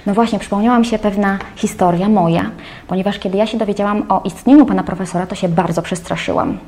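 Woman, radio host, curious probing questions, mid-pitched voice. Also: fairly even intonation, quick pace, dark tone. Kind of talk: radio interview.

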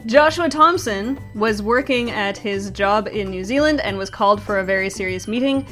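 Woman host, deadpan and brisk, light music bed underneath. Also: mid-range voice. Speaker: comedy show host. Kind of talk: scripted comedy news segment.

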